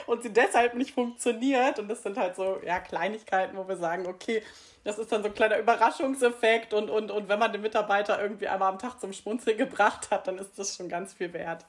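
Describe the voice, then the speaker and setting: A woman, speaking as an interview guest at a mid pitch. She talks chattily, with fillers here and there, and laughs through her anecdotes. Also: fairly even intonation, fast. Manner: chatty, laughs while telling stories. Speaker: employee engagement team member, guest. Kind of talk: conversational interview talk.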